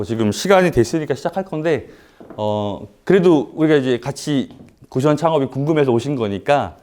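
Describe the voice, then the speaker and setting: This man, a lecturer at a paid business seminar, has a medium-pitched, somewhat dark voice. Suffering from a throat cold, he delivers a live lecture indoors to an audience, speaking casually, posing rhetorical questions, and filling gaps with lots of "uh."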